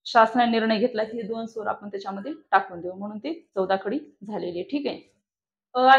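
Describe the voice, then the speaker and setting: A woman whose voice is a little high teaches shorthand in a classroom lecture, with online students joining in. She puts questions to the class and responds to them herself, and the recording has its highs cut off.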